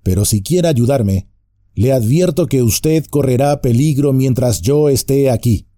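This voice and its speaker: A man's voice: mid-range voice, measured pace, dark tone, no room sound, clean studio sound, voice pushed up, natural voice. A man doing Frodo, a weary worried hobbit. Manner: weary, earnest, polite. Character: tired, worried young male hobbit.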